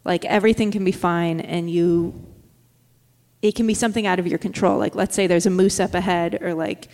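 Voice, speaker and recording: A woman talks casually and quickly as an interview guest. She fills her speech with fillers and restarts. Her voice carries a long reverb tail. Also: lowish voice, fairly even intonation, darkish tone. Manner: quick, chatty, many fillers. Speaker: guest, dog musher.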